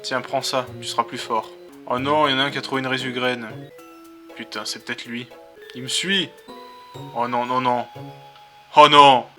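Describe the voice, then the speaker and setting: A man's voice: mid-range voice, little pitch movement, moderate pace, long pauses, sharp tone, faint music behind. Muttering man playing a video game. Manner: swears, mutters to himself. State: sore throat from voice acting. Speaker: let's play host. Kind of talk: casual gameplay commentary.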